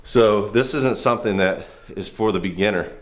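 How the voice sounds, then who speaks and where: A man's voice: lowish voice, normal speed. A man in his thirties, a firefighter and trainer, giving a casual, earnest workout demo in a home garage, rambling with restarts.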